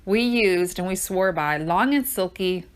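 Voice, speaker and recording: A woman's voice: fairly low pitch, animated, measured pace, smooth. An older woman hosting her own podcast, talking in a rambling, improvised, chatty way. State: out of breath. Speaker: podcast host. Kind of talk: casual improvised monologue.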